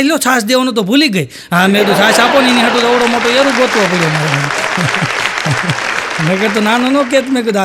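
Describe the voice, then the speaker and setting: Heavy background noise surrounds a male stand-up comedian with a very high voice. He is doing Gujarati folk comedy storytelling, rambling through tales and acting out every quoted voice.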